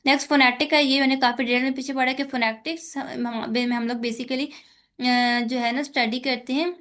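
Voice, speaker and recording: A woman's voice: sits high, fairly even intonation, moderate pace, fairly bright tone. A woman with a Pakistani accent giving an exam-focused lecture, mixing English terms into her speech with frequent fillers. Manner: mixes English terms into Urdu, many fillers. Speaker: teacher.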